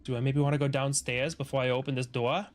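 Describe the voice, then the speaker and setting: A man's voice: mid-range voice, level tone, fast. A man streaming a game, chatting casually, rambling and joking with the odd swear. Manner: rambling, jokey, swears, laughs. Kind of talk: casual gameplay commentary.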